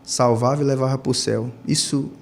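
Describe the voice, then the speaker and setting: A man in his thirties with a Brazilian Portuguese accent, a deacon telling his personal testimony on a church podcast, climbing high in pitch when he acts out his own past words. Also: brisk, gravelly, a little hiss or hum. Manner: storytelling, rising to high, animated pitch when quoting himself.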